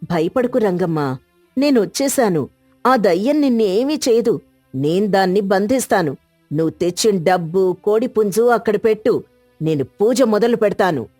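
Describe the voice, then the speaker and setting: A woman's voice: mid-range voice, expressive, normal speed, mellow, no echo, soft background music, lightly acted. A woman voicing a scheming, greedy old village woman who fakes cures and mutters to herself. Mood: falsely soothing.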